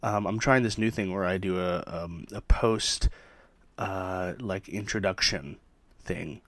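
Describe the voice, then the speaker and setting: A young man talks through his podcast intro in a loose, joking ramble full of ums and uhs. His voice sits fairly low. The sound is close and dry, with no room around it. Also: slow, fairly bright tone, dry recording. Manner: rambling, jokey, lots of fillers. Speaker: podcast host. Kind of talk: casual chatty podcast intro. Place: his trailer behind an amusement park.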